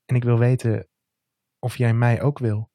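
A man voicing an eager, friendly man who turns gently flirtatious, in a romantic audio story. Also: mid-range voice, unhurried, no echo, natural voice. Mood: tender. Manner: lively, then hushed and tender.

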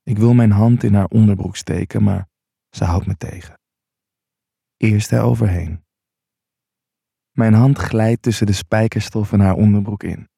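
A man narrating an intimate first-person erotic story in a low, unhurried voice. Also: fairly even intonation, creaky, dark tone, breathy edge, no echo, clean studio sound.

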